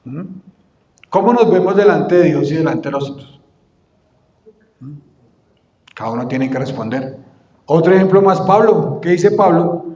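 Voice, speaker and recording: Predicador de voz aguda en una sala con mucho eco. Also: male voice, a little high, expressive, unhurried, pauses often, mellow, muffled recording. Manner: asks the congregation questions and answers them himself. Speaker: preacher. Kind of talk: sermon. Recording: echoey church hall with long reverb.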